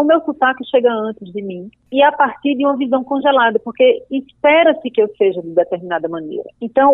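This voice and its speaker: Over dry, tinny audio resembling a phone call, a young interview guest from Paraíba speaks with a Northeastern Brazilian accent. In this reflective conversation she thoughtfully constructs careful arguments in a voice that sits on the high side.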